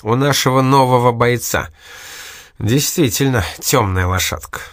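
A man's voice: medium pitch, a little slow, dry recording, clean studio sound, natural voice. Lolita, a sly young woman, as a man reads her. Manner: coaxing, teasing.

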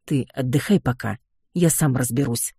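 Calm young sorcerer clan head, read by the narrator, dark husky voice, dry affection, audiobook. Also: mid-range voice, moderate pace, no echo. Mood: tender.

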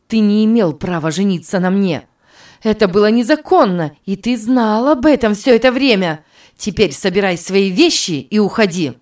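A woman's voice: medium pitch, mellow, distant mic, voice pushed up, close to an everyday voice. A woman voicing a young wronged woman who sharply accuses her deceitful lover, in a read-aloud story. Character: young wronged woman, fierce and cold with a liar.

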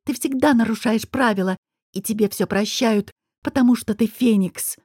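A woman doing a tearful young female student mage, pitched high above her normal voice, sobbing and pleading, sliding into shrill accusations. The tone is warm and a little breathy, read close and dry for an audiobook. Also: moderate pace, no echo. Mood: hysterical.

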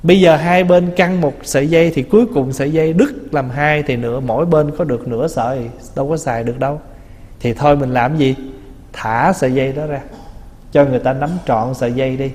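A man's voice: mid-range voice, a little fast, darkish tone. A man, a Buddhist monk, giving a conversational dharma talk, teasing and acting out little quoted remarks. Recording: long reverb of a hall.

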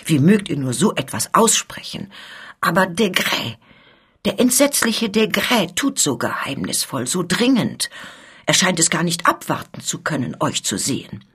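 A woman voicing a frightened male servant in a dramatic reading, her voice husky. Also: low voice, expressive, normal speed, hardly any pauses, fairly bright tone, exaggerated voice. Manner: fearful speech.

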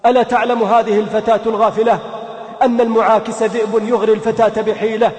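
Man, very high voice, emotional sermon, rhetorical questions, long echo of a hall. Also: little pitch movement, quick pace, darkish tone. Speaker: preacher. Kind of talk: impassioned sermon with first-person storytelling. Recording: echoey hall with long reverb.

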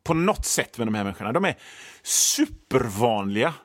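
Lively rambling comic man, dry sound. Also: medium pitch, no echo. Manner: improvised, animated, wry storytelling.

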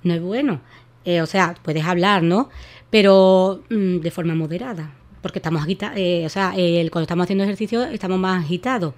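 A woman's voice: fairly low pitch, fairly quick. A woman giving voice care advice in a radio interview, explaining with many fillers and restarts. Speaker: voice therapist guest.

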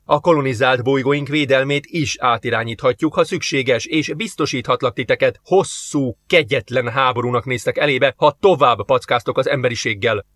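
A man's voice: medium pitch, few pauses, fairly bright tone, no room sound, natural voice. A man voicing a blunt male human envoy in an audiobook, firm and demanding.

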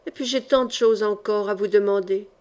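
A woman voicing a gentle, earnest young noble daughter who speaks softly and pleadingly. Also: medium pitch, steady tone, brisk, natural voice. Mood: tender. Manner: soft and pleading.

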